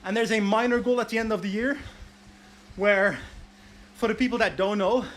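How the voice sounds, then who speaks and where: Guy livestreaming from his indoor bike, talking over the pedaling, kinda high voice, casual. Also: moderate pace, fairly bright tone, a little hiss or hum. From Belgium. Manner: chatty, answers viewer questions from chat, laughs at himself. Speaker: livestream host. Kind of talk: casual livestream chat while riding an indoor bike trainer. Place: warm indoor room with a bike trainer and fan.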